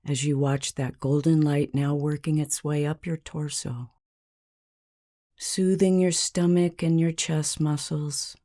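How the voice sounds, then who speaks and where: Low-voiced and calm, a woman narrates a guided meditation that follows a script. Each measured, soothing line is followed by a long pause.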